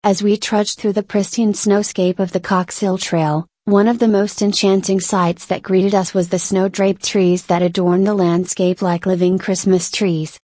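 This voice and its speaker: A woman reads a scripted narration in a smooth, even, descriptive manner. Her voice is warm and mellow. The recording is dry, with no room sound around it. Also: medium pitch, measured pace, hardly any pauses, no echo. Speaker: vlog narrator.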